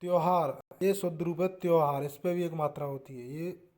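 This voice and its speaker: A man teaching a spelling lesson for exam preparation, speaking with a Hindi accent. He repeats each word to drill it and often trails off softly at the end of a line. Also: a little high, steady tone, moderate pace.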